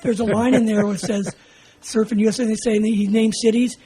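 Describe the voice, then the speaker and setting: Mellow-voiced older man telling stories. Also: high-pitched, fast, a little hiss or hum. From California. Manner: rambling, animated anecdote-telling with frequent "you know". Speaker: guest. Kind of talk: casual storytelling.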